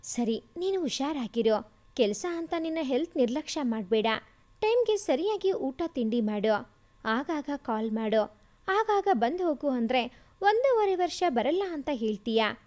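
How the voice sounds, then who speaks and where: A woman's voice: high-pitched, sing-song, measured pace, darkish tone. A woman reading aloud and voicing a caring, fussing middle-aged mother in a storybook tale. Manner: motherly, advising.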